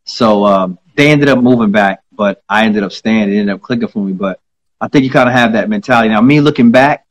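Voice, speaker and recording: A man hosting a casual interview chat on a video call, talking in a reflective way with drawn-out phrases and many fillers. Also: fairly low pitch, low-quality recording. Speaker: host.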